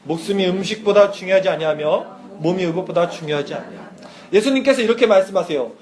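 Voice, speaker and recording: Youth pastor, male, 30s, high-pitched; chatty sermon to teens, slows down for scripture. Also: a little mellow. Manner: casual, chatty preaching with rhetorical questions to teens; reads scripture aloud slowly.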